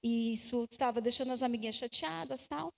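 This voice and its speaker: A Brazilian woman giving slow, emphatic advice to parents at a church family conference, acting out little dialogues. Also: on the high side, gravelly. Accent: Brazilian Portuguese. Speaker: conference speaker. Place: church hall. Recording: church hall with long reverb.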